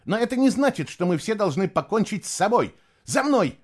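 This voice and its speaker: A man reading an audiobook, voicing an eager young boy who pleads and shouts urgently. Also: high voice, big pitch swings, brisk, voice pushed up. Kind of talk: audiobook narration.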